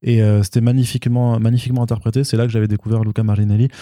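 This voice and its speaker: Podcast co-host, male, very dark tone, dry sound, halting enthusiastic film chat. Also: fairly low pitch, little pitch movement, no room sound. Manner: hesitant, many fillers and restarts. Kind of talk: casual film news chat.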